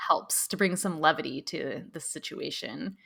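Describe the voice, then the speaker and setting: A woman's voice: sits low, normal speed, gravelly, a bit bright. A woman co-hosting a podcast in casual chat, playful and laughing often as she talks things through. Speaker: podcast co-host.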